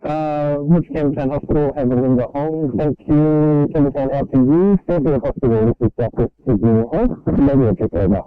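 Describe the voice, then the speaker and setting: A man's voice: a little high, normal speed, hardly any pauses, smooth, no room sound. Man on a tinny two-way radio. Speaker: radio check operator for a health service. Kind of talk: procedural two-way radio talk.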